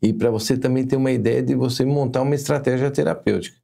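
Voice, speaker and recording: A Brazilian man, a physician, explaining a medical case in a podcast interview in a careful, halting way. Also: medium pitch, steady tone, vocal fry, warm tone. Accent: Brazilian Portuguese. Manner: explanatory, hesitant with restarts. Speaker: physician guest.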